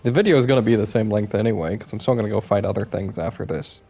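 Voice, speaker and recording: A man's voice: on the low side, fast talker, gravelly, warm tone. A young man giving casual, self-deprecating commentary over his gameplay, sounding a bit worn out and apologizing often. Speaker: gaming YouTuber.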